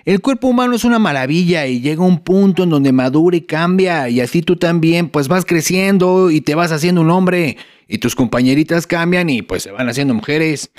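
A man's voice: on the high side, expressive, moderate pace, hardly any pauses, lightly acted. A man playing a reassuring Mexican dad. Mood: gentle. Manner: gentle, reassuring. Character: patient caring Mexican father.

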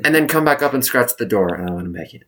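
A man's voice: mid-range voice, animated, rapid-fire, a bit bright. Casting: young guy, rambling storyteller, swears constantly, mid-range voice. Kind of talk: casual chat.

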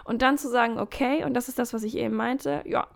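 A woman in a casual podcast chat, giving coaching advice in an animated way, acting out inner voices and adding jokey asides. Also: a little high, fast, gravelly. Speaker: podcast guest.

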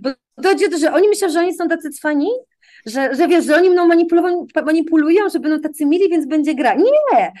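High-pitched female teacher guest, animated anecdote teller, chatty, acts out dialogue. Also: quick pace. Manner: animated anecdotes, acts out quoted exchanges, frequent tag questions. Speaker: English teacher for children, guest. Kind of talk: casual storytelling in an interview.

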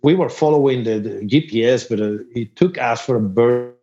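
A rock musician from Spain with a Spanish accent, spinning a casual anecdote in halting, animated English and laughing between lines. His voice sits in a middle pitch, and the recording sounds dull and lo-fi. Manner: animated, laughs through the story, halting non-native grammar.

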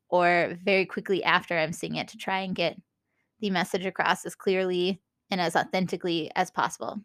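Young Minnesotan woman, mid pitch, casual rambling host, lots of ums and restarts. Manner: rambling, with frequent fillers and self-corrections. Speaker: podcast host. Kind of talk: casual spiritual teaching talk.

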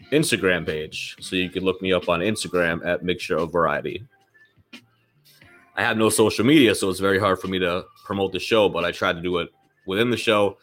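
This podcast host has a low, slightly bright voice and rambles casually through his own show, swearing freely. A lingering cold leaves him sounding a bit nasal.

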